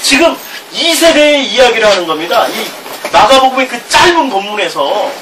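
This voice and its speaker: There's background noise and a distant mic as a middle-aged male pastor with a Gyeongsang Korean accent delivers a sermon. His very high, sing-song voice moves at a normal speed while he reads scripture and slips in chuckling remarks.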